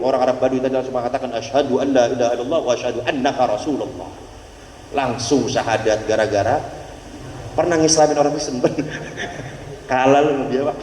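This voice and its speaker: A man preaching a humorous sermon, telling the story in a lively, joking way. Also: mid-range voice. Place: large hall. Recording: echoey hall, distant mic, faint noise.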